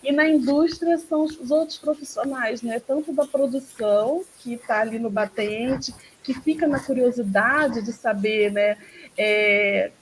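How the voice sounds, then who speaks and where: A chatty woman with a Brazilian Portuguese accent hosts a live online talk, her voice sitting a little high. She peppers her speech with tag questions and brief laughs. A faint noise runs under the line. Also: unhurried, low-quality recording. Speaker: host.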